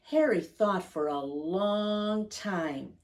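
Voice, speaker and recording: With a medium-pitched, somewhat dark voice, a woman tells a picture-book story to little kids, reading expressively, stretching out words and pausing now and then to put questions to them.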